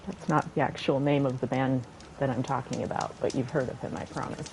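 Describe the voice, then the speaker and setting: A woman streaming a game from her home setup, chatting in a rambling way and thinking out loud into a desk microphone. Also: rumbling low, fairly even intonation, fairly quick, slight background noise, low-quality recording. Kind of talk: casual chat while gaming.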